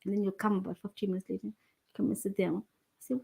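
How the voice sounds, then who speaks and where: A woman's voice: mid-range voice, flat delivery, quick pace, creaky, darkish tone, breathy edge. A woman co-hosting a casual live chat about marriage with her husband, playful and teasing, with frequent giggles. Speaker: co-host of a couple's live talk.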